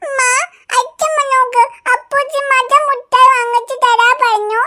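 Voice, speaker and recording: A woman's voice: extremely high pitch, fairly even intonation, moderate pace, pushed and bright. Woman doing a whiny little cartoon girl. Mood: tattling. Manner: whiny, childlike, tattling. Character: small tattling little girl.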